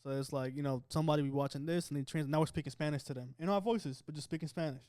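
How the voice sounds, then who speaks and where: A man's voice: on the high side, racing, a little mellow. A man with a New Jersey accent, hosting a casual chat and telling a story, laughing often. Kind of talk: casual chat among friends.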